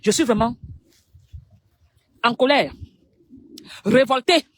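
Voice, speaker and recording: Speaking in a slightly high voice, a woman with a Cameroonian French accent urges the public with passion. Her delivery is emphatic, in clipped phrases and dramatic pauses.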